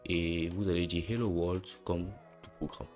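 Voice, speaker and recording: Low-voiced young man explaining code. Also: normal speed, soft background music. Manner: relaxed and slangy, talks through steps aloud and corrects himself. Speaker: coding tutorial host. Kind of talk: casual screen-recorded coding tutorial.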